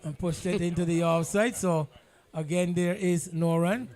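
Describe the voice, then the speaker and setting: High-pitched Bajan man commentating cricket. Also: fairly even intonation, moderate pace, darkish tone. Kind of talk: live ball-by-ball cricket commentary with chat.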